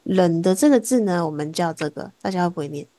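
A woman's voice: lowish voice, lively intonation, mellow, no room sound. Patient woman teacher modeling sounds. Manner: patient, encouraging, models sounds slowly and repeats them. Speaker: Korean language teacher. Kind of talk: online language lesson.

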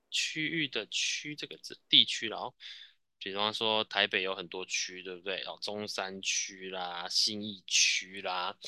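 A man with a Taiwanese Mandarin accent teaches a Japanese class, patiently drilling students, repeating answers and ending sentences with frequent "哦" tags. His voice sits on the low side with a sharp, clean tone, and the recording is dry.

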